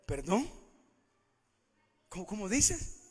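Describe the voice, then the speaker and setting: A man's voice: very high-pitched, normal speed, creaky, a bit bright, breathy edge, full character voice. A man, a preacher, voicing a startled, sarcastic woman at the well in his sermon. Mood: defensive. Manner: sarcastic, defensive.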